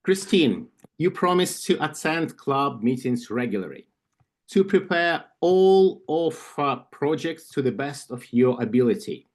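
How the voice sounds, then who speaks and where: Over a video call, a Ukrainian-accented man reads an induction ceremony script as the club's vice president of membership at an online meeting. His reading is slow and careful, with asides and small self-corrections along the way. His voice runs on the high side and sounds animated.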